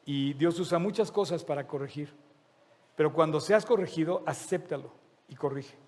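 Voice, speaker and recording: A man's voice: fairly high pitch, moderate pace, a little mellow. A man preaching a sermon. He speaks in an earnest, emphatic way and repeats his key phrases. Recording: long reverb of a large hall.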